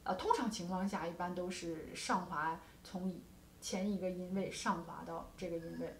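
A woman's voice: lowish voice, normal speed, echoey room, a little hiss or hum. A woman teaching guqin technique in a patient explaining tone. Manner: patient explaining with frequent soft particles. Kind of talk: music lesson with demonstrations. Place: music studio.

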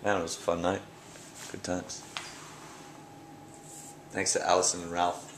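This young Canadian painter chats informally about his paintings during an interview at his indoor gallery show. His voice is low-pitched and unhurried, his answers relaxed and rambling with fillers and restarts, and the close handheld camera picks up an echoey room plus a little hiss or hum.

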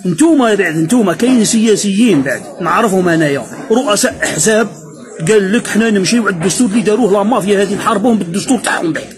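A man's voice: high voice, lively intonation, racing, a crowd in the background. A man with an Algerian Arabic accent delivering a mocking, sarcastic political rant that speaks straight at his opponents. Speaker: political commentator.

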